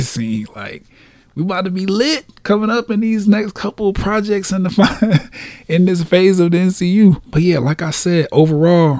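A man's voice: medium pitch, a little mellow, no room sound. A man hosting a casual solo podcast, laid-back, laughing often and swearing freely. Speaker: podcast host.

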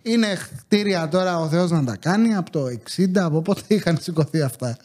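Man, thirties, podcast host, high voice, casual animated storytelling. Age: 30s. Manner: animated storytelling with acted-out quotes. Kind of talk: casual chat.

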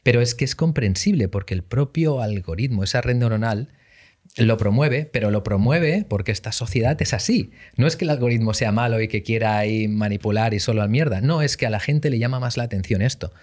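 A man chatting as a podcast guest, telling animated stories and acting out what people said. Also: medium pitch, brisk. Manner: animated storytelling, acts out quotes. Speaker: guest youtuber. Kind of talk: casual podcast chat.

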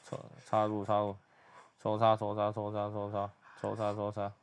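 A young man giving hushed, muttered play-by-play commentary as he reacts to a video. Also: lowish voice, monotone, normal speed, a little hiss or hum.

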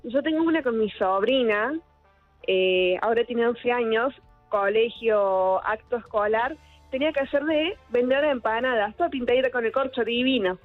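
A woman's voice: fairly high pitch, moderate pace, faint music behind. Woman with a Córdoba accent on a phone line. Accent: Córdoba Argentine. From Argentina, partly raised in Córdoba. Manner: chatty, earnest storytelling. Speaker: radio caller. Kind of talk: casual phone-in chat.

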